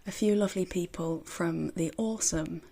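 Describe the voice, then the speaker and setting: A woman chatting excitedly about books as she unboxes them, her voice recorded on a phone voice recorder app. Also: fairly low pitch, normal speed, vocal fry, a little hiss or hum. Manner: excitable, gushing. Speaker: book vlogger. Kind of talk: casual unboxing chat. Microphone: phone voice recorder used as microphone.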